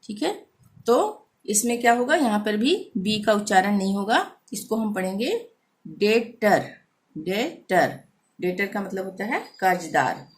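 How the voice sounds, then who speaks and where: A woman teaching a pronunciation lesson, patiently spelling out words letter by letter and repeating each one slowly. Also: medium pitch, very animated. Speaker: language teacher.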